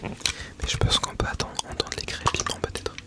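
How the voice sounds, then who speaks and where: A man whispering breathily in a casual ASMR style, chatting about products with a tongue-in-cheek, mock-solemn manner into a small wireless mic. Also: moderate pace. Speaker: ASMR video creator. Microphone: small clip-on wireless mic being tested.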